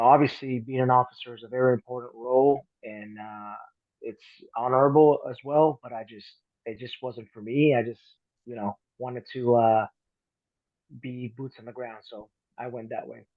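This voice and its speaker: A man's voice: medium pitch, steady tone, moderate pace, dry recording. Earnest man on a tinny call line. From Colombia. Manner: earnest, trailing off softly. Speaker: guest. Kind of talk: casual interview chat. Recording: dry, phone-like call audio.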